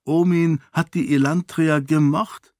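A man voicing a brisk, determined young noblewoman. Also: a little high, steady tone, darkish tone, pitched above the performer's own voice, close to an everyday voice. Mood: earnest. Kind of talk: audiobook character voice.

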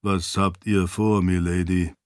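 A man doing a loyal, floating spirit servant in an audiobook, his voice sunk below the narrator's own and kept soft. He speaks in a measured, deferential way. The sound is dry and close. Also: deep voice, flat delivery, no room sound, voice pushed down. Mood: calm. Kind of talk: audiobook character voice.

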